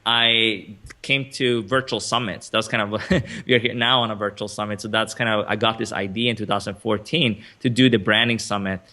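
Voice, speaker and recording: A Swedish man in his thirties, appearing as a guest on a video call interview, talks casually with plenty of fillers and restarts and laughs often. His voice is lowish, fairly even in intonation, at a moderate pace, with a bright, forceful tone.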